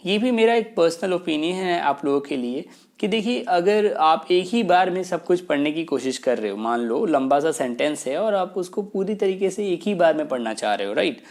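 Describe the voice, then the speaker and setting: Male teacher, patient and explanatory, casual talk-to-camera delivery, slows down for key points. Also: on the high side, animated. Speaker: English teacher. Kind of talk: casual spoken lesson, mixing Hindi and English.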